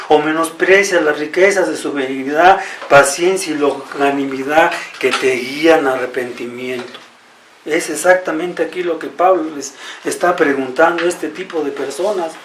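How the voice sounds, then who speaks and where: A Mexican preacher delivers an earnest sermon, repeating his points and calling on his listeners again and again. His voice sits a little high. It comes from far off in an echoey hall with faint ambience behind it. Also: normal speed, fairly bright tone, a little hiss or hum. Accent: Mexican Spanish. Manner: earnest, repetitive, often addresses the congregation directly. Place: church hall.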